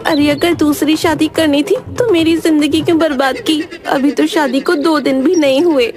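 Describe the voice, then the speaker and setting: A woman doing Lali, a shrill, always-hungry bride. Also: steady tone, normal speed, darkish tone, soft background music, natural voice. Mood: wailing. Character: chubby young bride, always hungry, cheeky.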